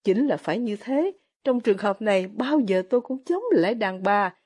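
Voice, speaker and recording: A woman's voice: medium pitch, normal speed, breathy edge. A woman voicing an effusive, fussy middle-aged mother in a storybook reading. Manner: gushing, excitable.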